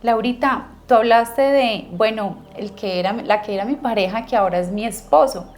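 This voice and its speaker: Woman interviewer, a bit high-pitched, halting and reflective, faint noise behind. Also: darkish tone. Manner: reflective, halting, searching for words. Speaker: host. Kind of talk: interview questions.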